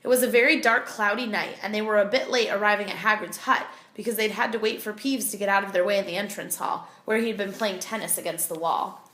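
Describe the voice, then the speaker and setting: A woman reads a children's novel aloud with expressive, clear storytelling. Her voice sits at a middle pitch in an echoey room. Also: brisk. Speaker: audiobook reader.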